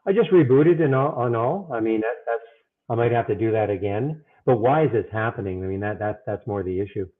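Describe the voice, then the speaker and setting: A man's voice comes through muffled, as if from the other side of a wall, picked up by earbuds rather than a proper mic. The sound is thin and phone-like. He talks in a flustered, halting way, full of fillers and restarts. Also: lowish voice. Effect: muffled, as if heard through a wall. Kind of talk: casual chat. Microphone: earbuds instead of his microphone.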